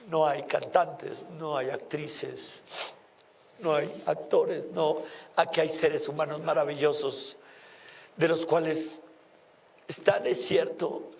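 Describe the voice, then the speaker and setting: A man hosting a reality show, giving a heartfelt, earnest talk by a campfire with many pauses. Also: fairly high pitch, gravelly, a little hiss or hum. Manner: slow, earnest, pausing often. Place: outdoors at a campfire at night.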